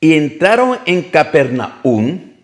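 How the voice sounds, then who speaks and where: A man's voice: a little high, sing-song, takes it slowly. A man preaching a sermon, emphatic, often repeating and correcting his phrases as he goes.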